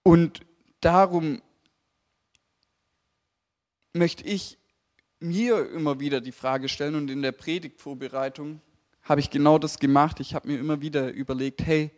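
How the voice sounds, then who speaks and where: A young man preaching a sermon, lively and emphatic, speaking directly to the congregation. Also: fairly high pitch.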